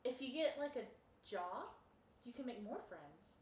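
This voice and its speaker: A woman's voice: on the high side, very animated, measured pace, a little hiss or hum. A woman playing a kind, helpful hero. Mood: kindly. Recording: echoey room, mic far off.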